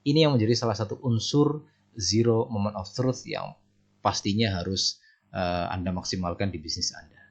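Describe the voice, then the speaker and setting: A man's voice: lowish voice, moderate pace. A man explaining facts to viewers in a presentation style. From Indonesia. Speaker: business and SEO presenter. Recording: dull lo-fi voice recording.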